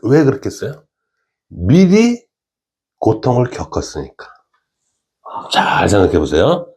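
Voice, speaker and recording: A man's voice: on the low side, wildly swooping pitch, measured pace, a little mellow. A middle-aged man giving a casual spiritual lecture, often checking in with listeners and chuckling.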